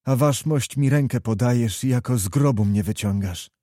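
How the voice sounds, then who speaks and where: A man's voice: mid-range voice, normal speed, dark tone, dry recording, studio quality, natural voice. A man reading the part of a hot-headed, remorseful young nobleman lying wounded, speaking with passion and rising to exclamations. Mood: impassioned. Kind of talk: audiobook character reading.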